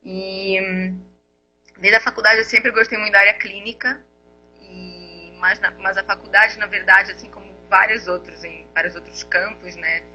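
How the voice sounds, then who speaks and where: A woman's voice: mid-range voice, steady tone, moderate pace, sharp tone, lo-fi sound, soft background music. A woman raised in Angola, a nutritionist guest in a live video interview, explaining her work while thinking aloud. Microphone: earphone mic.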